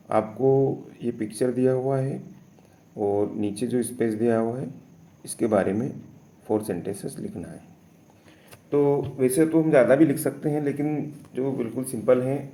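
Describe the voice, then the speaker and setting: A man teaching, slowly and patiently explaining English test answers step by step, with frequent fillers. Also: mid-range voice, warm tone.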